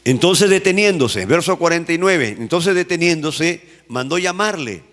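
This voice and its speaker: Man, pastor, emphatic sermon, repeats phrases, high voice, long church reverb. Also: expressive, moderate pace, fairly bright tone, faint music behind.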